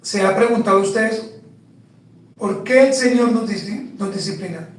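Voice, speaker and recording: Male pastor, high voice, slow emphatic sermon, rhetorical questions, very echoey church, off-mic. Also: recorded from a distance.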